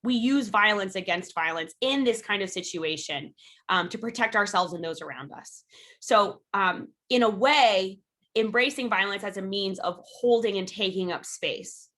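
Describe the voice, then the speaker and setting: Over a video call from her home, a woman leads a self-defense workshop live online. Her mid-range voice is fairly bright and moves at a moderate pace. She's frank and encouraging, drops plenty of "um"s, and shouts out drill cues with energy.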